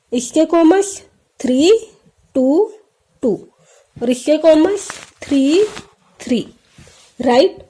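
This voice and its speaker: A woman's voice: sits high, warm tone. A woman teaching a math lesson, explaining step by step and asking questions that she answers herself. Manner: explains step by step, often asks and answers her own questions. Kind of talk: classroom math lesson for children.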